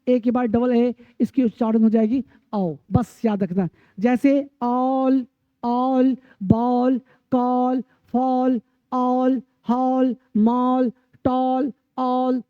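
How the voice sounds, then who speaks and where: A male teacher with a Bihari Hindi accent takes students through English pronunciation drills, pausing on each word and repeating it. His voice sits high and his pace is unhurried. It was recorded dry and close, with a dull lo-fi sound. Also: no echo. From Bihar, India.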